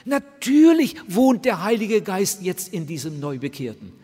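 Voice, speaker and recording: Older male preacher, earnest sermon, fairly high husky voice, long reverb of a hall. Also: darkish tone. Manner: earnest, addresses new converts directly, voices quoted prayers.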